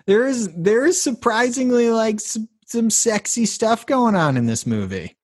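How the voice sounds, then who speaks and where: A man's voice: high voice, big pitch swings, measured pace, breathy edge, dry recording, studio quality. A man co-hosting a podcast, playfully recapping a film in casual chat. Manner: playful, recaps plot with jokes. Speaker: podcast co-host. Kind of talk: casual movie-review chat.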